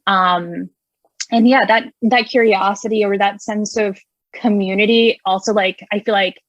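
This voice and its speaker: Her voice is medium-pitched with fairly even intonation, and she talks a little slowly. She's a young music writer raised in Indonesia, chatting enthusiastically as an interview guest, filling her speech with fillers and laughter. The audio is dull, with no room sound.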